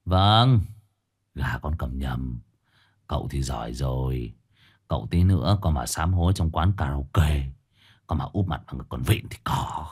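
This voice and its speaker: A man voicing a drunk, cheeky young male disciple with a low, muttering drawl. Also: animated, measured pace, darkish tone, slightly rough, heavily acted. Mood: sarcastic.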